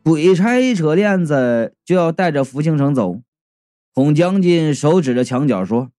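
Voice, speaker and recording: A man narrating a comic ghost story in a lively, colloquial way, voicing the characters. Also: a little high, measured pace, no room sound, clean studio sound, soft background music.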